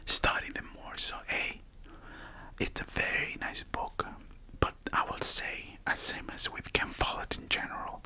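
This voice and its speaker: Whispered role-play, hushed library whisper. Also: rough recording. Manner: halting, soft-spoken explaining with self-corrections. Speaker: ASMR performer playing a librarian.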